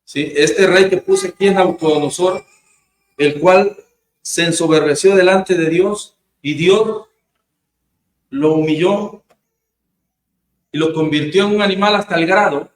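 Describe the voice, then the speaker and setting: A man's voice: high voice, measured pace, pauses often, slight background noise. A man preaching informally, telling stories and acting out short quoted exchanges. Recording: roomy echo with faint ambience.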